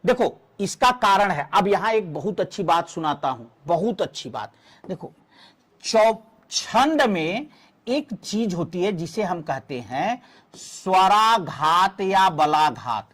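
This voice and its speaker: A man teaching a Hindi exam-prep class, explaining verse meter slowly and counting syllables aloud for his students. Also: high voice, animated, fairly bright tone.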